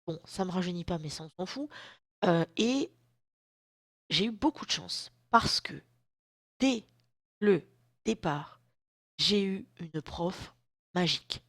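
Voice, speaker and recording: Talking slowly and pausing often, a woman in her thirties vlogs from indoors at home with a lowish, expressive voice, chatty and self-deprecating in loose slang. A lingering sore throat from a cold brings the odd cough. The sound is clean studio quality, a bit bright, with no echo.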